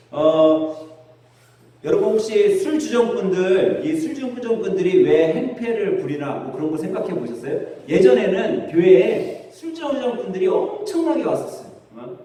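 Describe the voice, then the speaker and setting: A middle-aged man preaching a sermon as pastor, telling stories in a chatty, lively way. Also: high-pitched. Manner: conversational storytelling, lively with laughs. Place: church sanctuary. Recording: very echoey church hall, distant mic.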